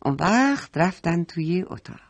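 A woman's voice: lowish voice, big pitch swings, slightly rough, dry recording. A woman reading a bedtime story to children, affectionate and asking her young listeners questions.

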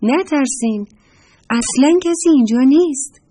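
A woman's voice: animated, mellow. Woman playing an indignant little squirrel cub. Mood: eager. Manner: high indignant childlike piping. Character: small proud baby squirrel who hates being called little.

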